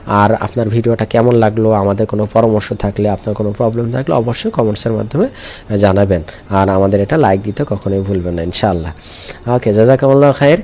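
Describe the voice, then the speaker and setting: A man's voice: lowish voice, quick pace, warm tone, slight background noise. A man teaching Quran reading and Arabic letters, drilling pronunciation with call-and-response and patient repetition. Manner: patient, repeats each letter and asks learners to echo.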